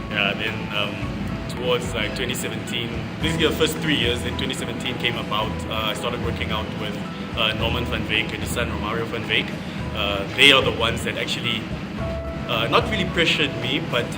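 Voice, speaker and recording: A young man from Namibia answering interview questions, hesitant, with many fillers and restarts. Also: medium pitch. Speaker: interviewee, bodybuilder.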